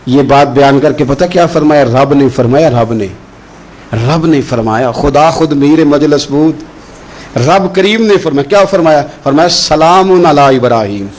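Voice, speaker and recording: A male preacher telling a religious story with passion, slowing into chanted recitation of verses. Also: fairly high pitch, a little mellow, poor audio. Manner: impassioned, slow chanted Quran recitation between stories. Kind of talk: Urdu sermon storytelling.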